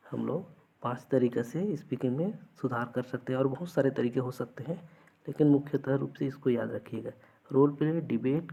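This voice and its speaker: A man's voice: medium pitch, creaky, mellow, breathy edge, low-quality recording. A man teaching an exam-prep lesson, explaining through everyday examples and often checking that students follow.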